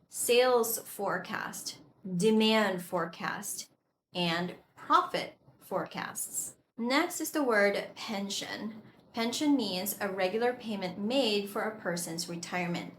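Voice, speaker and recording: A woman teaching an English vocabulary lesson, explaining each word deliberately and clearly. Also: medium pitch, a bit bright. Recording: echoey room with faint noise.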